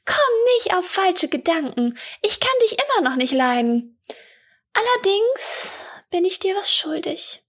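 A woman voicing a bratty, defiant masked girl in a fantasy audiobook, speaking in a high, snippy, taunting voice. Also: big pitch swings, a little slow, exaggerated voice.

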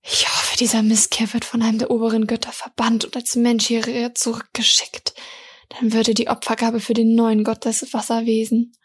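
A sharp-tongued male incubus, read by a woman, mocking and grumbling. The voice is breathy and fairly high, flat in melody. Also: moderate pace.

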